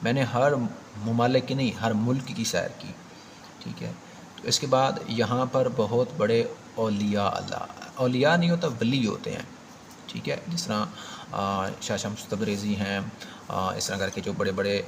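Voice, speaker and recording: A man's voice: lowish voice, vocal fry, a little hiss or hum. A man with a Pakistani accent teaching an exam prep grammar lesson, explaining step by step and repeating key points with emphasis.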